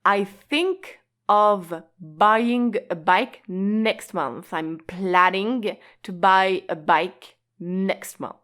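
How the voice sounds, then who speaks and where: Her mid-range voice has a fairly bright tone as she leads an online language class. She takes her time explaining, lengthening important words, and now and then lets out a light laugh.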